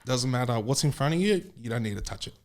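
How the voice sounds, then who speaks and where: A man's voice: medium pitch, lively intonation, quick pace. Easygoing man, guest. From Australia. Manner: easygoing, repeats words and phrases. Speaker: bodybuilder guest. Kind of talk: casual podcast interview.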